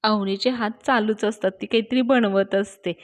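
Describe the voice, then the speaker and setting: A woman's voice: mid-range voice, fairly even intonation, moderate pace. A young woman hosting a serial review, narrating the episode in a storytelling way and addressing her viewers directly. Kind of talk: retelling a TV episode.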